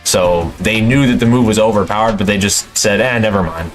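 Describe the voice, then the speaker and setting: A man's voice: lowish voice, brisk. A young man in an unscripted, exasperated, profanity-laced rant about a video game, speaking as a gaming commentator. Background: music.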